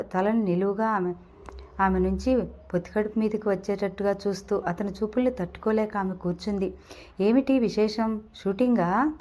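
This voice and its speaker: A woman's voice: medium pitch, darkish tone. A woman narrating a serialized audio novel, reading the dialogue lightly within the story.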